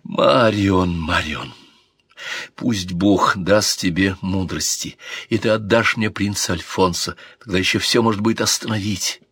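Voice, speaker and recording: A menacing royal brother who speaks slowly and gravely, as a male narrator puts him on. The low voice carries a quiet threat. The sound is dry and close. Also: no room sound, heavily acted. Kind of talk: audiobook character voice.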